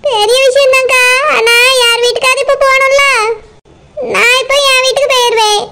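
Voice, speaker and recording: A voice actor playing a blunt, sharp-tongued young village woman in a cartoon, with a southern Tamil Nadu village accent. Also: very high voice, fairly even intonation, normal speed, heavily acted. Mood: sarcastic. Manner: mocking, blunt.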